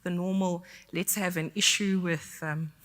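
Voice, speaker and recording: A woman's voice: on the low side, fairly even intonation, measured pace, fairly bright tone. A woman from South Africa with a South African accent, giving a candid, conversational conference talk. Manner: candid, conversational, self-deprecating. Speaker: conference speaker. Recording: long hall reverb.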